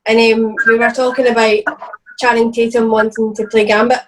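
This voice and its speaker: A woman chats eagerly on a video call and keeps breaking into giggles. Her voice sits fairly high, and clear background noise runs under the call. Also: level tone, brisk. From Scotland. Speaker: fan hosting the call. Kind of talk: casual video call chat.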